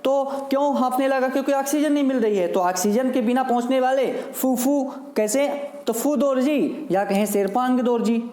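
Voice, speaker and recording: A man's voice: very high-pitched, normal speed, hardly any pauses, mellow. A man teaching exam students, repeating names and asking quiz questions as he explains memory tricks. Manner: repetitive, drills names with "ठीक है" and quiz questions. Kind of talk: classroom lecture with memory tricks. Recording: echoey room sound.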